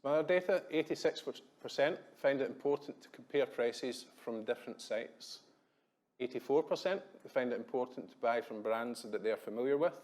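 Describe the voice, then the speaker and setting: A man in his thirties from Glasgow with a Glaswegian accent, giving a quick, chatty business presentation at a conference with plenty of ums. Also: mid-range voice, darkish tone. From Scotland. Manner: quick, chatty, self-deprecating, many ums. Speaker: conference speaker. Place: hotel conference room.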